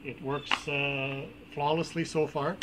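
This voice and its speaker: A man's voice: a little high, flat delivery, slow pace, heavy background noise. A middle-aged man casually demonstrating a product outdoors in a driveway, talking plainly with many fillers and restarts, picked up by a camera mic at a distance. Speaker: product reviewer.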